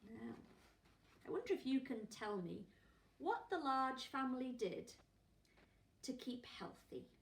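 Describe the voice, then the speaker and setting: Her voice is high and swoops through big pitch swings as she unhurriedly reads a picture book to young children. This primary teacher quizzes her listeners expressively, with gasps and whispers along the way, captured by a distant mic in an echoey room.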